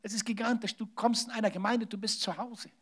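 Male preacher, high voice, animated sermon that drops to near-whispers. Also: fairly quick, slightly rough. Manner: animated preaching with large swings in loudness, drops to hushed tones. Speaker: pastor.

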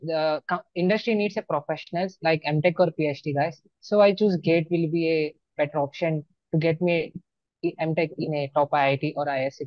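A man's voice: on the high side, no echo. A man in his early twenties, a native Telugu speaker with a Telugu Indian accent, answering interview questions on a lo-fi video call. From Andhra Pradesh, India. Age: early 20s. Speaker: student exam topper being interviewed. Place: small plain room indoors. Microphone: wired earphones on video call. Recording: dull lo-fi video-call audio.

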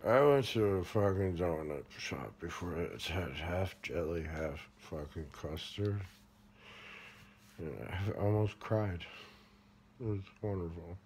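Deep, drowsy Midwestern American man, half asleep. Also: darkish tone. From Michigan, United States. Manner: drowsy, drawling, halting, mumbling, freely profane. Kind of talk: sleep talking, rambling monologue. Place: indoors, lying on a bed or couch. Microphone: phone held close by another person. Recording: noisy handheld phone recording.

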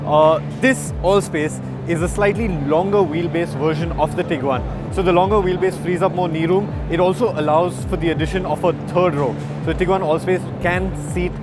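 A man in his thirties walks viewers through new cars at a big indoor auto show, upbeat and explanatory. His voice sits a little high. Loud music plays behind him. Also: steady tone, moderate pace, few pauses. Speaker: motoring journalist presenter. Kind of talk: presenting a car show walkaround.

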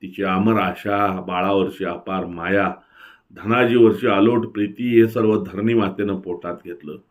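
A man reading a novel aloud with expressive storytelling and slow, emphatic pauses. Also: low-pitched. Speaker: reader.

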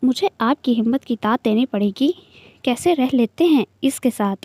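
A woman reading the lines of a sharp-tongued, jealous young man in a novel, keeping close to her own voice. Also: very high-pitched, lively intonation, normal speed, dry recording, heavily acted. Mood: sarcastic. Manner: sarcastic, bickering.

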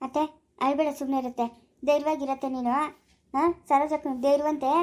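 A woman acts out a kind young village woman consoling her aunt in a homemade family drama. Her voice is soft and even, steadily reassuring. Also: high voice, brisk, close to an everyday voice. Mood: soothing. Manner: soothing, reassuring. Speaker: neighbor comforting the mother. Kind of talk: amateur family drama acting.

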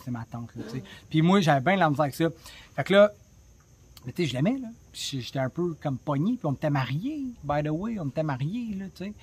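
A Québécois man with a somewhat high, husky voice tells a story from his own life as a travel podcast host. He talks casually and bluntly and swears freely. He is recorded on a phone. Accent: Québécois French.

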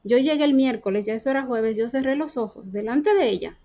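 High-voiced Dominican woman telling testimony. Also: a little fast, warm tone, muffled recording. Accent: Dominican Spanish. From Dominican Republic. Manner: earnest storytelling, acting out quoted dialogue. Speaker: guest giving testimony. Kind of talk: personal faith testimony.

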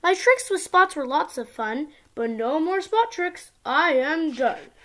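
A girl of about ten with an expressive, sing-song delivery, reading a storybook aloud as if to small children. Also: high-pitched, measured pace. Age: child, around ten. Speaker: young video channel host reading a picture book. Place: small indoor room at home.

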